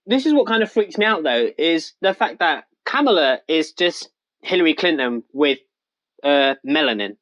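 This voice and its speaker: Low voiced woman on a podcast, slangy, swings her pitch a lot. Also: normal speed, highs cut off. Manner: slangy, animated, says "bruv" a lot. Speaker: podcast co-host. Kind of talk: casual chat.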